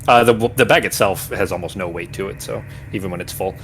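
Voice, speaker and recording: Rambling low-voiced game master. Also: male voice, fast, creaky, a bit bright, slight background noise. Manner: rambling, searching for words, many restarts. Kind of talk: narrating a tabletop game.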